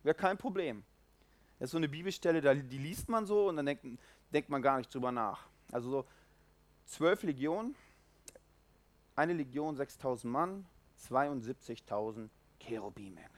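A man preaching an informal sermon, animated, acting out the voices in the stories and swinging between loud and quiet. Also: mid-range voice, moderate pace, no room sound. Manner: lively, animated, acts out quoted voices, swings loud and soft.

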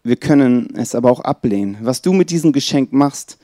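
A man's voice: medium pitch, animated, dry recording, clean studio sound. A man preaching a Christmas Eve sermon in a church, earnest and speaking straight to his listeners. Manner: earnest, addresses listeners directly; drops to a soft, slow tone when reading scripture.

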